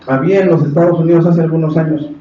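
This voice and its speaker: Impassioned Mexican pastor in an echoey hall. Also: male voice, on the high side, steady tone, quick pace. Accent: Mexican Spanish. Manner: impassioned, acts out quotes, rises to shouts. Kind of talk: sermon. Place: church hall. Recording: echoey hall from far off, dull, faint hiss.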